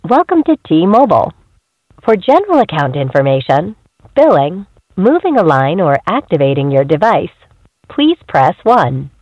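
Woman's husky recorded phone-menu voice. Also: fairly low pitch, sing-song, darkish tone, no echo. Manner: measured, evenly paced prompts. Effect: recorded phone menu message. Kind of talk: automated phone menu prompts. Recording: dull lo-fi phone line.

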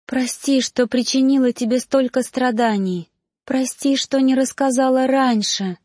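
The tearful ghost of a young woman, as a woman reader puts her on, with a higher voice that breaks into sobs and pleas. The sound is dry and close to the mic. She is a storybook spirit who is grieving. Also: unhurried, a little mellow, dry recording. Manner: sobbing, pleading.

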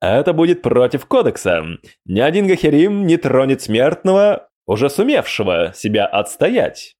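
A man's voice: mid-range voice, very animated, normal speed, a little mellow, voice pushed up, close to an everyday voice. A man voicing a young male cavalry demon who is eager, boastful and curious, exclaiming with delight as he speaks. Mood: excited.

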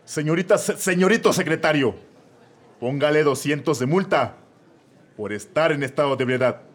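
A man with a Mexican accent plays an irritable, bossy judge in a comedy radio drama, barking orders in exasperation. His voice sits a little high, moves at a moderate pace, and is only lightly acted.

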